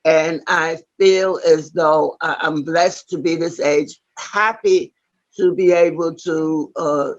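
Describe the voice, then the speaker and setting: Halting, earnest woman in her eighties. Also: low-pitched, dull audio. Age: 80s. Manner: earnest, halting, with many fillers and restarts. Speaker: award honoree. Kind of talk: acceptance speech.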